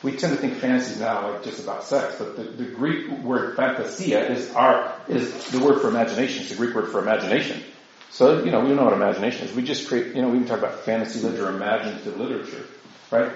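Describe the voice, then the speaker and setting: A man's voice: medium pitch, quick pace, slight background noise. A man, a priest, giving a conversational talk to a group, often tossing in rhetorical "right?" asides. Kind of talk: informal lecture to a group. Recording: very echoey room, dull lo-fi sound.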